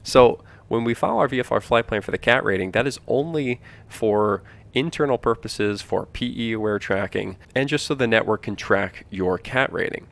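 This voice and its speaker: Male flight instructor, fairly low pitch, noticeable vocal fry, informal step-by-step teaching, explanatory, repeats key points. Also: normal speed. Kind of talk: instructional flight simulator walkthrough.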